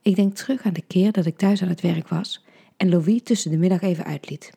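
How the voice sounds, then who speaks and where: Husky, half-whispering woman storyteller. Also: fairly low pitch, fairly quick. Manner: soft, intimate, often half-whispered. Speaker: podcast storyteller. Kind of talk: scripted narration.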